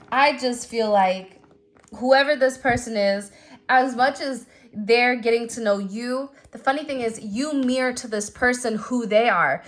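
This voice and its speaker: Female tarot reader, slightly high voice, conversational and emphatic, addressing one listener directly. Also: a bit bright. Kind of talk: intuitive tarot love reading, talking to the viewer.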